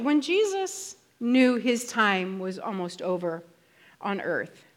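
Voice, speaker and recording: A woman with a medium-pitched voice preaches to a congregation in a conversational yet emphatic style, slowing down to stress key phrases.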